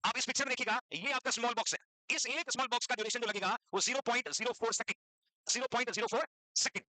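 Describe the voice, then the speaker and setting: A man's voice: very high-pitched, rapid-fire, bright, forceful tone, no room sound, low-quality recording. A man teaching a classroom lecture for nursing exam students, mixing English terms into his Hindi, repeating key points and quizzing the class.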